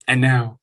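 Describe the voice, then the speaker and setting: A man hosting his own show, ranting casually in an exasperated way, full of swearing and restarts. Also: pushed and bright. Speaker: podcast host. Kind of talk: casual solo rant.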